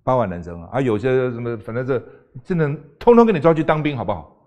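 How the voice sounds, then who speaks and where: A man's voice: medium pitch, very animated, fast talker, a little mellow, highs cut off. An older man, a talk show guest arguing emphatically and firing off rhetorical questions. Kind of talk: political talk show debate.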